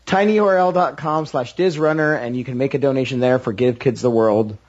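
A man's voice: medium pitch, a little fast, darkish tone, muffled recording. A man speaking casually as a podcast panelist. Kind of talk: casual chat.

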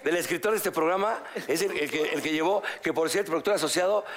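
A man's voice: fairly high pitch, quick pace, a bit bright. A man hosting a comedy podcast, telling rambling, crude anecdotes. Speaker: host.

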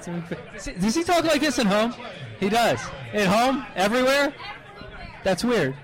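A man's voice: extremely high pitch, very animated, unhurried, some chatter behind. A man hosting a casual sports discussion, making his points in a loose, conversational way. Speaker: sports podcast host.

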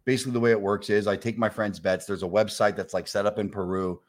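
A man's voice: on the low side, quick pace. A man in his forties telling a long anecdote in casual chat, swearing freely and acting out both sides of conversations. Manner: animated storyteller, swears freely, acts out both sides of dialogue. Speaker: guest storyteller. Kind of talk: casual anecdote on a talk show.

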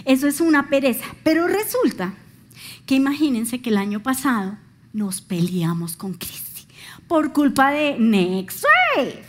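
A Colombian woman preaching a sermon as a pastor, telling animated stories and acting out the voices she quotes. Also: sits high, measured pace, a little hiss or hum.

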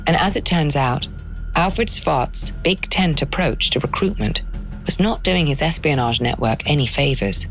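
Low-voiced woman narrating a documentary. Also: animated, a little slow, soft background music. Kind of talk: scripted narration.

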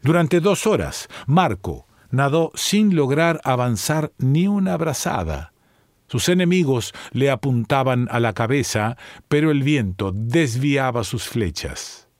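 Slow, measured male storyteller. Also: mid-range voice, darkish tone, dry recording, studio quality. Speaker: narrator. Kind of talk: audiobook story reading.

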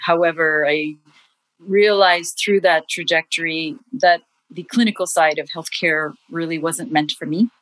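Low-voiced woman, steady and measured. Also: dry recording, low-quality recording. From India, raised in Morocco. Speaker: guest, investor. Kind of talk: casual interview talk.

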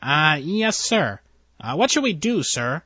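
A man's voice: a little high, sing-song, takes it slowly, pushed and bright, dry recording, lo-fi sound, heavily acted. A man voicing a nervous, timid alien male science officer who answers hesitantly and deferentially.

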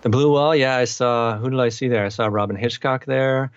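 A man's voice: mid-range voice, brisk, clean tone, dry recording, muffled recording. A middle-aged man from eastern Massachusetts, a musician guest chatting casually with lots of fillers. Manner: relaxed, rambling, many fillers. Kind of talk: casual interview chat.

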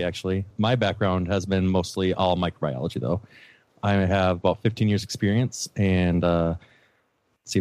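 A man's voice: low-pitched, a little mellow, no echo. A middle-aged man talking casually as a microbiology lab expert in an interview.

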